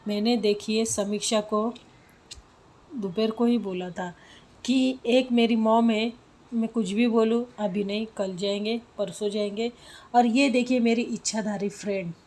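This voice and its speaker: A woman voicing a lively, playful teenage girl who talks loudly and dramatically in a Hindi storytelling. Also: fairly high pitch, measured pace. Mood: excited.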